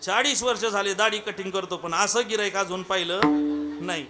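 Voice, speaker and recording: A man's voice: high voice, fairly even intonation, bright, forceful tone, soft background music. A man voicing a boastful old village barber who brags about his skill. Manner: bragging, brisk.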